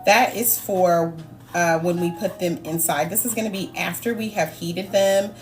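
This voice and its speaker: A woman's voice: on the low side, fairly even intonation, normal speed. A woman hosts a cooking livestream, chatting freely with her viewers as she works. She laughs often and answers the live chat, with faint music playing behind her. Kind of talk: casual chat while cooking.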